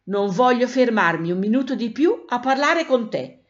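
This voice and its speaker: A woman's voice: a little high, lively intonation, moderate pace, voice pushed up, lightly acted. A woman voicing a cranky male cat who believes he is a dog, scolding and grumbling, in a dull lo-fi recording. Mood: scornful.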